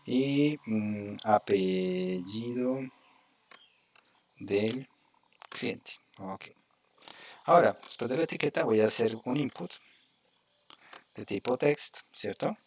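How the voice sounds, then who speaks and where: A man's voice: medium pitch, slow pace, pauses often, slight background noise. Man teaching a live coding lesson. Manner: explains step by step, often checking in with "¿cierto?" and "¿ok?". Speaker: programming instructor.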